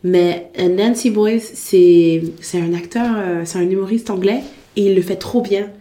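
A woman's voice: medium pitch, steady tone, a little slow, warm tone. Chatty woman in an echoey room. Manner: enthusiastic, frequent restarts and stammers. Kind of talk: casual chat.

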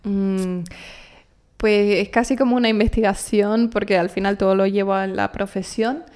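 In a casual interview, a young adult actress from the Canary Islands, Spain, speaks as a guest in a mid-range, steady, clear voice with a darkish, resonant tone. She talks at a normal speed, expressively and thoughtfully, often restarting her sentences.

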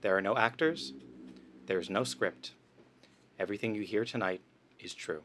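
A man's voice: on the low side, normal speed, a bit bright, slight background noise, lightly acted. A man playing a pompous, grandiose, easily exasperated artistic director in a comedy radio play. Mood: solemn. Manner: pompous, theatrical, imperious.

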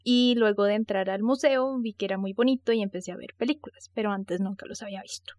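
A woman co-hosting a casual podcast, telling anecdotes in a playful, animated storytelling manner. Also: mid-range voice, quick pace, no echo. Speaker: podcast co-host.

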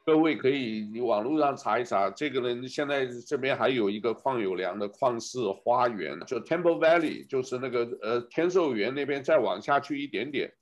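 A man's voice: mid-range voice, animated, moderate pace, few pauses. A man giving a rambling casual commentary, speaking to his listeners and asking them one rhetorical question after another.

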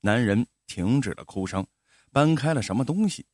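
Expressive male storyteller, dry close sound. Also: medium pitch, moderate pace, no echo. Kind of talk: storybook narration.

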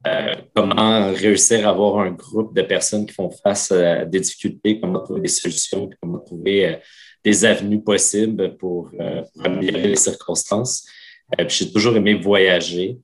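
Deep-voiced Québécois man. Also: steady tone, normal speed. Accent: Québécois French. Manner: repeats words while thinking. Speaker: Red Cross emergency operations director. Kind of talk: interview answers.

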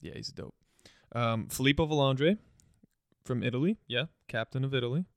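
A man's voice: mid-range voice, normal speed, no room sound. A young man co-hosting a podcast, chatting casually in a laid-back, joking way with many "um"s. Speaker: podcast co-host.

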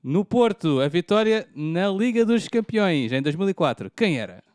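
A man's voice: high voice, sing-song, normal speed, a little mellow, dry recording, clean studio sound. A man with a European Portuguese accent hosting a football trivia game casually, stretching out announcements theatrically between informal asides. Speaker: quiz host.

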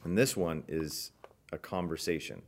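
A man hosting a church podcast, running a playful quiz in casual chat and reading quotes aloud slowly. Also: very deep voice, gravelly.

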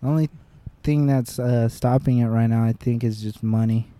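A laid-back young man co-hosting a podcast. His voice has a mellow, warm tone at a middle pitch. He jokes easily and talks in an unhurried, relaxed way. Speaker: podcast co-host. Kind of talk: casual chat.

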